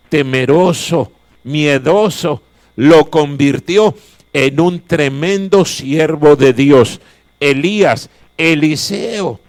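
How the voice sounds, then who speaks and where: Male pastor, slow deliberate sermon delivery, emphatic repetition, somewhat high voice. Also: no echo. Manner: emphatic, repeats key phrases. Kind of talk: chapel sermon. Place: chapel of a Bible college.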